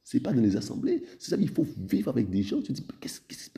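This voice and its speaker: A man preaching a sermon, repeatedly addressing his listeners and shifting between full-voiced phrases and hushed, whispered ones. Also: mid-range voice, huge pitch swings, a little fast, creaky.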